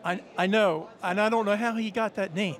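At a football event, against an indoor media backdrop, an older sports interviewer chats with players on a handheld mic. His friendly sideline questions are folksy and teasing, and he jokes as he asks them. He talks a little fast in a high-pitched voice.

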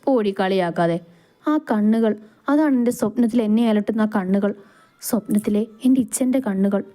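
A woman's voice: mid-range voice, normal speed, dark tone, natural voice. A woman voicing a dreamy young woman lost in thoughts of love.

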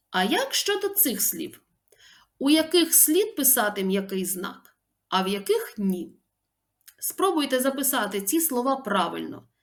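Slow, animated woman teaching grammar. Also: on the high side. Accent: Odesa. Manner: slow, deliberate, stresses each example word. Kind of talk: scripted grammar lesson.

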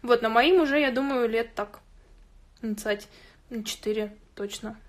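A woman with a higher-pitched voice speaks unhurriedly while hosting an informal drawing tutorial indoors at a drawing table. She chats and thinks aloud, explaining as she works.

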